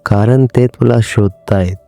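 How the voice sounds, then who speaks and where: A grim village elder who knows too much, as a man reads him out, answering in short, heavy sentences. The voice sits low and very dark, and soft music runs underneath. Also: a little slow, no room sound. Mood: grave. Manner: terse, ominous replies.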